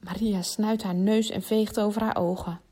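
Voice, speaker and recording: This woman has a mid-range voice and a moderate pace. She performs a children's Christmas story with lively expression, voicing the characters individually.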